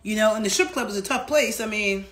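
At home indoors, a New York woman who vlogs about fitness chats to her phone camera, candid and casual. She speaks quickly in a mid-range, fairly bright voice, dropping in frequent fillers and asides.

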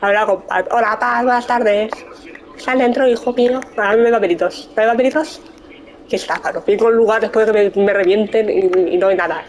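A woman's voice: mid-range voice, steady tone, fairly quick, a little hiss or hum, poor audio. A young woman from Spain chatting casually over a video game, scolding enemies, swearing and exclaiming. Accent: Spain Spanish. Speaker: gaming streamer. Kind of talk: casual let's-play commentary.

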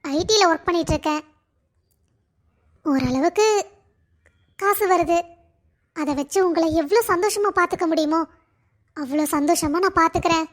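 A woman voicing an earnest young man, an eager and talkative suitor in a cartoon. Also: very high-pitched. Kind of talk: cartoon voice acting.

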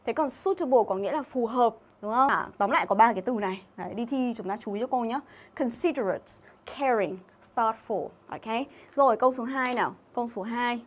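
A woman's voice: a little high, fairly quick. A young woman from Vietnam teaching an English exam-review lesson on a livestream, chatting and reading out viewers' names and comments.

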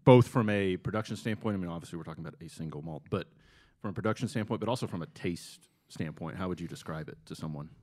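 Fast-talking deep-voiced podcast host. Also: male voice, darkish tone. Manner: quick, jokey, stacks rephrased questions. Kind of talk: casual podcast chat.

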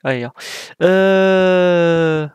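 A man's voice: high voice, very slow, a little mellow, smooth, dry recording, lo-fi sound. A man giving casual gameplay commentary, thinking aloud while he plays and mocking himself with frequent apologies. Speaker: gaming YouTuber.

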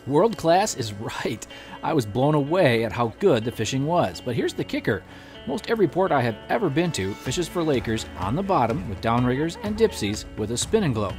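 A man's voice: mid-range voice, big pitch swings, normal speed, a little mellow, faint music behind. A man narrates an outdoors show as its host, upbeat and enthusiastic. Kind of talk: scripted narration.

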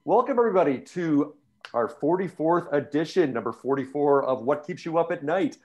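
Upbeat male host, slightly hoarse. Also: on the high side, animated, normal speed, darkish tone. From Canada. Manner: upbeat, chatty, jokes with audience. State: voice going hoarse. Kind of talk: casual live show intro. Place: home. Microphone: video call.

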